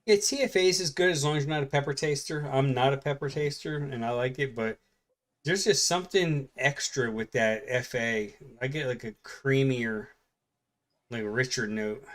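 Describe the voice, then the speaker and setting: A weary man talks loosely and unhurriedly, trailing off and restarting his thoughts. His voice sits at an ordinary middle pitch and he sounds worn out after a long week. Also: moderate pace. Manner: relaxed, rambling, with fillers. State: tired, yawning. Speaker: co-host. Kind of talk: casual late-night chat.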